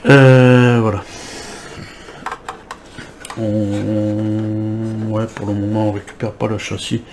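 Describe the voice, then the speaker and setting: A man's voice: fairly low pitch, level tone, slow, darkish tone, a little hiss or hum. A man with a cold, thinking aloud as he walks through assembling a scale model kit. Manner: thinking aloud while working, many fillers. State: has a cold. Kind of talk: hands-on assembly tutorial.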